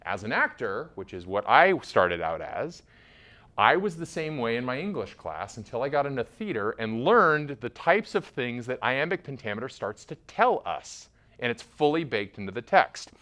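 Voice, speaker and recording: A man giving a theatrical conference talk on stage, animated and acting out verse rhythms for an audience. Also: medium pitch, normal speed. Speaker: conference speaker.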